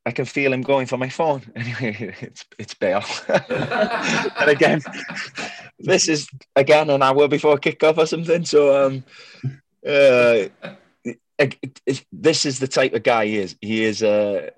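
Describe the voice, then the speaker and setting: A man from North Wales, a first-language Welsh speaker, talks a little slowly in a medium-pitched voice with no echo. Appearing as a goalkeeper guest on a video call, he tells chatty stories in a casual interview, laughing often and using many fillers.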